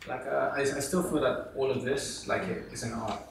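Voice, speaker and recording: Recorded far from the mic in an echoey room with a noisy background, a young man from England chats casually as a talk show guest. His gravelly, mid-range voice moves at a moderate pace. He rambles easily and uses plenty of fillers.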